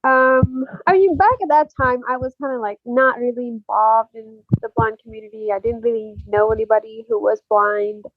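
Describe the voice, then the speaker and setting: A young woman from Algeria, speaking in a fairly high voice. She tells her story casually and hesitantly, with many fillers and small laughs. The sound is dull and lo-fi, with a dry, close feel. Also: moderate pace, few pauses, dry recording. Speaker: podcast guest. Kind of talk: casual interview chat.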